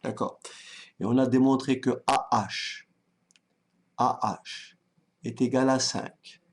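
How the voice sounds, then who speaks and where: Slow, calm male maths teacher. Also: mid-range voice. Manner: calm, patient, thinks aloud while writing; talks directly to students, checks they follow. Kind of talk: online exam-prep lesson.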